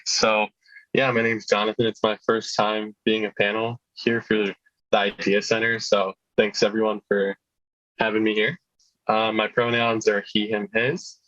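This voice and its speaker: A young man from California's Central Valley introducing himself as a student panelist, relaxed and easygoing, over a video call. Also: fairly low pitch, a little slow, dry recording, dull audio. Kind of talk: casual self-introduction.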